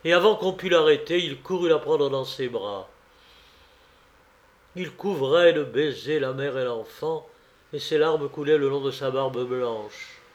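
Slow, measured male storyteller. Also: medium pitch, highs cut off. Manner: measured, even reading of a folk tale. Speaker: narrator. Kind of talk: storybook reading.

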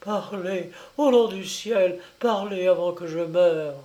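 A man voicing a dying, poisoned old mother, a duchess, crying out and pleading in a high, anguished voice. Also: slow, darkish tone.

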